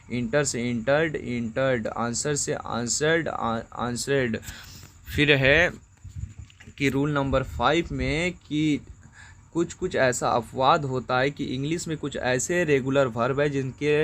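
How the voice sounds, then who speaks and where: Bihari-accent guy teaching grammar, talks real slow, says every example twice, bit of faint noise behind. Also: mid-range voice, a bit bright. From India. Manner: slow, methodical, repeating each example word twice. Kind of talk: explaining grammar rules to students.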